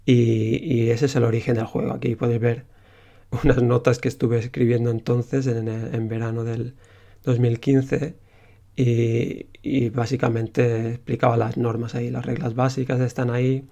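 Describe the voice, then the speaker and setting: A man's voice: mid-range voice, little pitch movement, normal speed, creaky, dark tone. A young man with a Spain Spanish accent, an indie game developer telling casually how he made his game, rambling with many fillers.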